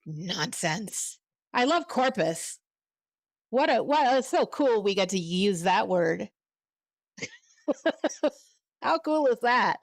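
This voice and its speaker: A woman's voice: a little high, big pitch swings, takes it slowly, long pauses, no echo. Chatty woman host on a headset mic. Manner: chatty, laughs often. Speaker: livestream host. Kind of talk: casual livestream chat.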